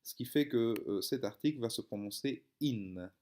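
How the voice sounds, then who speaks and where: A man's voice: medium pitch, a little fast, dark tone. A young man, explaining a reading lesson step by step, with frequent hesitations and fillers. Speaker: teacher.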